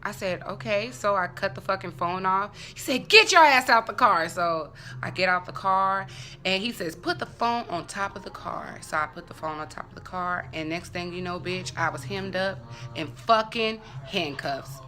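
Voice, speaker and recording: Here the same sort of woman vlogger recounts a comedic tale to her followers, swearing freely and staying animated, breaking off for asides and voicing the characters' lines. Her pitch is fairly low and she talks at a normal speed.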